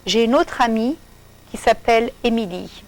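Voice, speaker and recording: Mireille is a cheerful, chatty sixteen-year-old girl in a storybook who fires off eager questions, voiced by a woman reading aloud. She is pitched somewhat higher than the narration. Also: moderate pace, close to an everyday voice, poor audio. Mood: curious.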